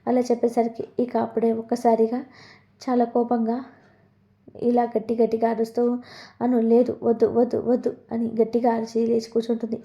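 A woman's voice: a little high, completely flat delivery, brisk, mellow, dull audio. A woman retelling a TV serial episode in a plain, repetitive storytelling manner.

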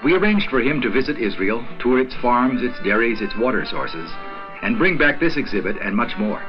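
A man's voice: medium pitch, sing-song, normal speed, over music. Older man narrating an old film. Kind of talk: scripted narration. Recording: dull 1970s film soundtrack.

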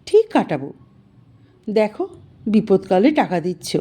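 A woman voicing a humble female house servant who speaks softly and slowly, pleading for help. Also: mid-range voice, big pitch swings, husky, pitched below the performer's own voice. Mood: coaxing.

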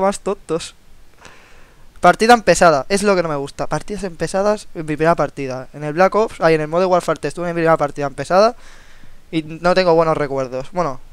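A young man with a Spain Spanish accent talks casually over his gameplay. He is eager and excitable and swears when things go wrong. His voice sits slightly high and sounds smooth and clear. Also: dry recording. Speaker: gameplay video host. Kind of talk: casual gaming commentary.

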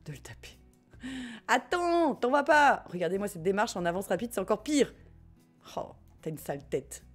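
A woman's voice: mid-range voice, very animated, normal speed, soft background music. A woman with a French accent chatting casually as she streams a life-sim game and reads her chat, joking and often laughing. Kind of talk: casual gameplay commentary, reading chat.

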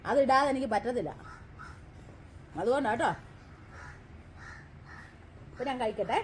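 A high-pitched, middle-aged woman vlogs from her home kitchen, her throat a little strained from so much talking. She rambles happily and keeps checking in with her viewers. Faint household sounds sit behind her. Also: moderate pace, roomy sound, distant mic, a little hiss or hum, rough recording. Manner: chatty, keeps checking in with viewers with tag questions. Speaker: home cooking vlogger. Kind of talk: casual chat to camera.

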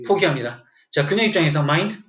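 A man's voice: a little high, expressive, fast, a bit bright. A man teaching English vocabulary to a class, telling a joking story and quizzing his students as he goes. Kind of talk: classroom lecture. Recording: echoey room, dull lo-fi sound.

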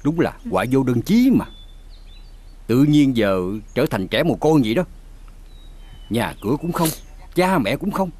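A middle-aged actor with a Southern Vietnamese accent, playing a gruff but kindly uncle in a TV drama, talking bluntly. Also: male voice, mid-range voice, sing-song, a little slow, long pauses, a little hiss or hum. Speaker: uncle taking in orphaned nephews. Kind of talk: TV drama acting. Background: soft background music.

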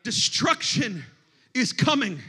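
A man preaching a sermon in a church, moving between hushed scripture reading and shouted exhortation. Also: very high-pitched, big pitch swings, slow, slightly rough.

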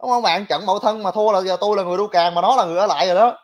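Male livestream commentator, high voice, blunt and scornful. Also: very fast. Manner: blunt, mocking, talks to viewers directly. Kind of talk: casual political commentary.

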